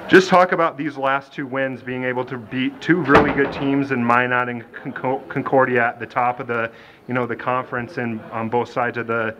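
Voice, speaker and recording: A man interviewing a coach and players after a basketball game, asking brisk leading questions. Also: mid-range voice, background noise. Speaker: sports interviewer.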